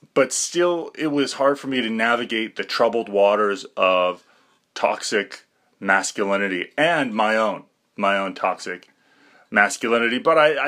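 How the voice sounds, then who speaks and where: Full of fillers and false starts, a young podcast host wanders through a self-mocking monologue. He has a fairly low voice with a somewhat bright tone.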